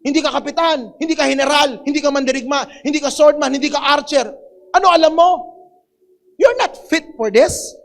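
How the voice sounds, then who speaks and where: Pastor doing a dismissive old king telling a kid he can't win, gravelly. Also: extremely high pitch, fairly quick, a bit bright, exaggerated voice. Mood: scornful. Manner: dismissive, scolding. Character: doubtful old king, scornful of a boy.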